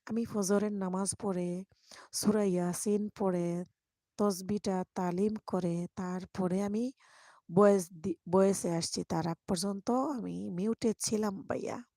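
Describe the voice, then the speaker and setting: A woman chatting to viewers on a live stream, speaking softly into a microphone while lying in bed next to a sleeping baby. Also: medium pitch, fairly even intonation, takes it slowly, no room sound, studio quality. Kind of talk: casual live chat, reading comments. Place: bedroom, lying on the bed beside her baby.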